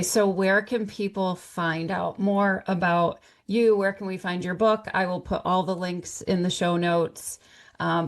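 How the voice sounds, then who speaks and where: A woman hosting a podcast interview, chatty and enthusiastic. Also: lowish voice. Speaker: podcast host. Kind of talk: casual interview talk.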